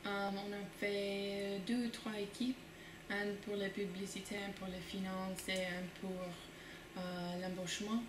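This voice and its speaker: American woman in halting French. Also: medium pitch, flat delivery. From United States. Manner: halting, searching learner's French. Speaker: student. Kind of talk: interview answers. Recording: echoey room, background noise.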